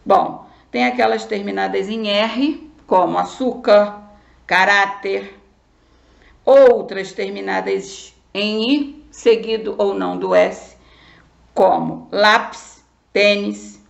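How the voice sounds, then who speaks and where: A woman's voice: medium pitch, fairly even intonation, takes it slowly, gravelly. A woman teaching a primary school grammar lesson, patient and checking understanding as she goes. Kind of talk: remote class lesson. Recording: roomy, dull lo-fi recording.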